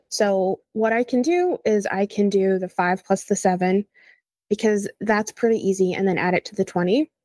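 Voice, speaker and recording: A woman's voice: medium pitch, darkish tone, no room sound. A young woman who teaches math, explaining ideas in an upbeat, teacherly way during a casual chat.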